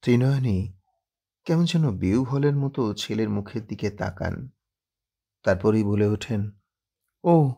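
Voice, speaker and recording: A man narrating a story in a slow, expressive storytelling manner. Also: fairly low pitch, vocal fry, husky.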